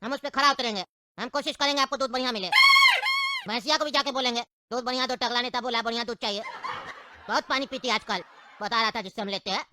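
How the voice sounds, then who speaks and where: A woman in a comic sketch, pleading and making excuses, then arguing back loudly. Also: a little high, quick pace, very noisy. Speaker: comedy sketch actor.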